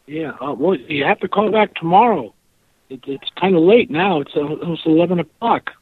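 Brief: polite, hesitant man picking up a call, high husky voice, tinny phone line. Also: lively intonation, moderate pace, no echo. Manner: polite, patient, slightly hesitant. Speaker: prank call recipient.

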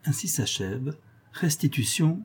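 A man narrating a short story aloud in a measured, expressive way. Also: on the high side, breathy edge. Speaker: audiobook reader.

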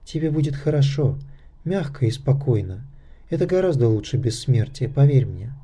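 Man voicing an ancient serpent-eyed female being, soft and coaxing. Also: medium pitch, expressive, fairly quick, natural voice.

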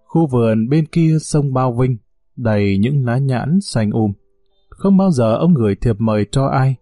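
A man narrating short stories in a measured storytelling manner. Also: no room sound, clean studio sound, faint music behind. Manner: measured storytelling, lively pitch. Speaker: audiobook narrator.

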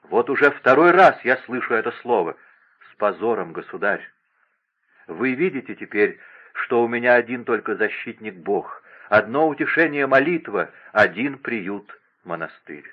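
A man voicing a gentle young court lady in despair, speaking in a pleading, tearful way. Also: medium pitch, lively intonation, normal speed, dull audio, close to an everyday voice.

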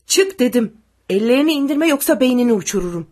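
A woman voicing a brutal tall male soldier who barks threats and orders, with a husky voice. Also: medium pitch, expressive, normal speed, a little mellow. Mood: barking threats.

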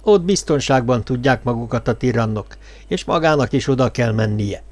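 Man voicing a cool calculating conspirator, audiobook, lecturing tone, mid pitch. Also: expressive, a little mellow, faint music behind, lightly acted. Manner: cool, slightly irritated, lecturing. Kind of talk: audiobook reading.

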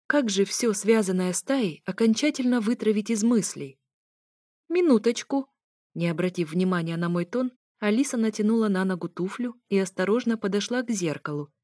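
A woman narrating a first-person audiobook with wry, lively storytelling. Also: medium pitch, no echo. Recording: dry close recording.

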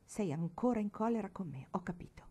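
A woman's voice: fairly high pitch, lively intonation, moderate pace, warm tone. A woman doing a coaxing, unhinged noblewoman. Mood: wounded. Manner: coaxing, feverishly tender. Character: grieving, unhinged older noblewoman, pleading. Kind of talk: audiobook reading.

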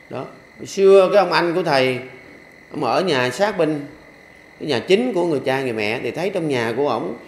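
A man's voice: fairly high pitch, slight background noise. A man, a Buddhist monk, giving a dharma talk to lay followers in a folksy, repetitive way with humorous asides. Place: temple hall. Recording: echoey hall with faint ambience.

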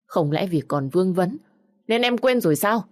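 A woman's voice: medium pitch, animated, moderate pace, voice pushed up, natural voice. A woman reading the lines of a jealous young man who accuses the woman he loves of still wanting her ex-husband. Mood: angry. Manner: accusing, insistent.

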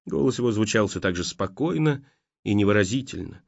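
A man narrating an audiobook in a steady storytelling manner. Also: fairly low pitch, fairly quick, gravelly, no room sound. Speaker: audiobook reader. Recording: dull lo-fi dry recording.

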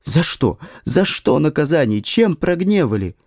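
A man's voice: fairly high pitch, big pitch swings, a little slow, no room sound, studio quality, voice pushed up, exaggerated voice. A man doing a frantic peasant father. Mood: frantic pleading. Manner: pleading, shouting, sobbing.

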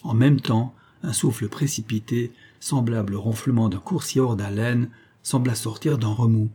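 A man narrating an audiobook with a husky, mellow voice. He keeps his reading steady and even from sentence to sentence. His low-middle pitch stays relaxed and warm. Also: normal speed. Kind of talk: scripted narration.

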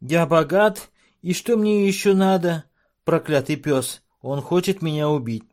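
Dwarf trader, read by a man, pitched way up, shrill and bleating, shivering and whining, storybook reading. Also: measured pace, darkish tone, natural voice. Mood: scheming, shivering. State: trembling with cold. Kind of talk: audiobook character voice.

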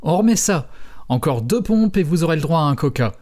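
A woman's voice: deep voice, lively intonation, brisk, dark tone, voice pushed up. A man reading a novel aloud and voicing a cheerful, bossy female nurse. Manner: chirpy and pushy, then frightened. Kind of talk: dramatized book reading.

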